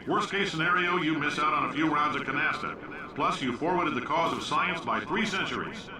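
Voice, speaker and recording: A man's voice: on the high side, a little fast, crowd noise, natural voice. An actor playing a brash, boastful male company boss who talks through recorded test messages in a game. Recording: game audio in a roomy, distant echo with music under it.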